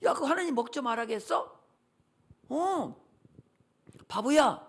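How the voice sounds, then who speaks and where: A man's voice: very high voice, animated, takes it slowly, fairly bright tone, heavily acted. A male preacher voicing a sly tempting devil who taunts and coaxes his listener, calling him a fool. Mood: mocking, coaxing.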